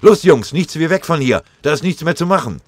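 A man voicing a soot-covered, out-of-breath army sergeant who shouts urgent orders. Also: a little high, animated, a little fast, dry recording, pitched above the performer's own voice. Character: soot-blackened breathless older sergeant, commanding.

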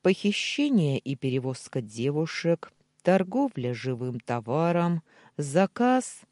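A woman voicing the story's hero, a cold, sardonic young man who speaks slowly and deliberately. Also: sits low, big pitch swings, a little mellow, no echo, clean studio sound, exaggerated voice.

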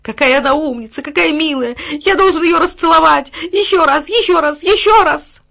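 A woman voicing a loyal, eager male dog who pleads and gushes in a high, loud voice. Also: fast. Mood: overjoyed.

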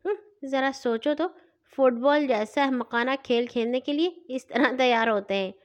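Woman reading as a flustered young girl, high voice, fussy, grumbling, storybook. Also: lo-fi sound, natural voice. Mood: scornful. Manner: complaining, then crying out in pain.

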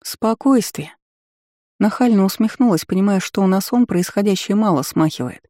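A woman reading a first-person novel aloud in an even, measured storytelling manner. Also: medium pitch, no room sound, clean studio sound. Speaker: audiobook reader.

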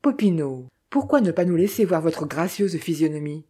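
A reader voicing a cultivated gentleman thief who talks with cool, scornful irony. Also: medium pitch, lively intonation, normal speed, slightly rough. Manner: sardonic, coolly ironic.

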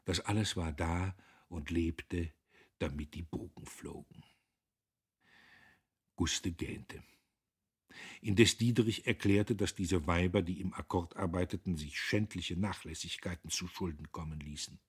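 A man with a very husky voice reading a literary novel aloud as an audiobook narrator, measured and dramatic. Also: low voice, fairly even intonation.

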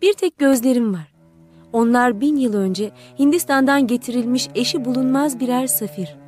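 A woman voicing a gentle, selfless male prince statue in an audiobook, speaking softly and imploringly. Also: a little high, normal speed, soft background music, close to an everyday voice. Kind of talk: audiobook character voice.

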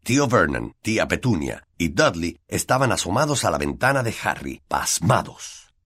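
Expressive Latin American Spanish male narrator. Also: low voice, moderate pace, slightly rough. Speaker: audiobook narrator. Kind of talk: scripted narration.

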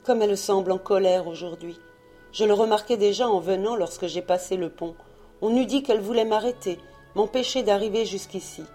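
A woman voicing a brave, gentle young peasant woman who speaks earnestly and pleadingly. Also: mid-range voice, brisk, soft background music, natural voice. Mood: uneasy.

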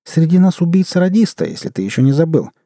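A man's voice: a little high, sing-song, fast, no room sound, clean studio sound, voice pushed up. A man putting on a firm, commanding young woman. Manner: quiet but firm. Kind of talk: audiobook character reading.

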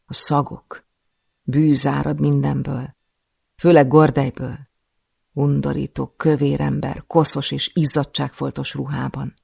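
Gravelly man reading somberly. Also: mid-range voice, flat delivery, a little mellow, no room sound, clean studio sound. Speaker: audiobook narrator. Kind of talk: scripted first-person narration.

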